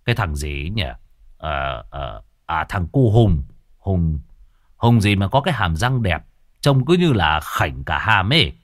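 A man's voice: low voice, big pitch swings, a little slow, voice pushed down. A man voicing a scruffy, crude middle-aged exorcist who curses and grumbles. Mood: gruff. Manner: gruff, cursing, grumbling.

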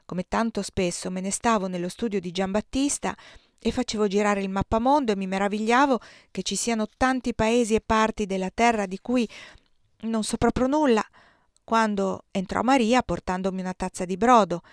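Woman reader narrating a novel; measured and expressive, with a close, dry sound. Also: medium pitch, no echo. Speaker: audiobook reader. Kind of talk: scripted audiobook narration.

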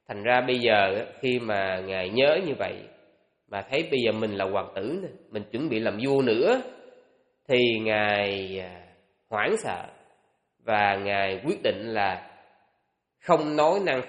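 A man, a Buddhist monk, giving a dharma talk and thinking aloud with many pauses and fillers. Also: lowish voice, animated. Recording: echoey hall with long reverb.

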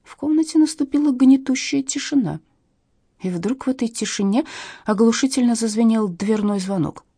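A woman's voice: on the high side, normal speed, dark tone, breathy edge, dry recording, studio quality. A woman narrating an audiobook in a wry storytelling manner.

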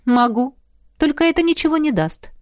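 A woman's voice: sits high, expressive, moderate pace, no room sound, clean studio sound, pitched above the performer's own voice. Woman voicing a haughty ghost fairy queen. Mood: serious.

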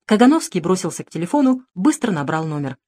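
A woman reading a novel aloud in an even, steady audiobook narration. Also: fairly low pitch, fast.

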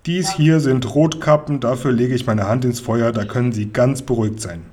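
A gruff, greedy robber from a storybook who barks commands and scoffs at everyone, as a man reads him aloud. His voice is husky and domineering. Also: medium pitch, steady tone, normal speed, dark tone, close to an everyday voice. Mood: dismissive. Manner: barking, domineering, mocking. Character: gruff bossy male robber, greedy and mocking.

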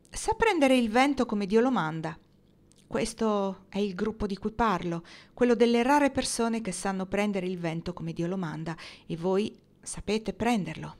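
A woman reading the part of an awkward, earnest young man confessing his feelings, speaking haltingly with pauses. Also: mid-range voice, lightly acted. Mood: hesitant.

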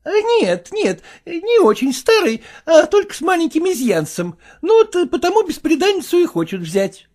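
A woman's voice: extremely high pitch, very animated, normal speed, hardly any pauses, darkish tone. A woman reading a story aloud, voicing a chatty, bustling old matchmaker. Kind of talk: audiobook character voice.

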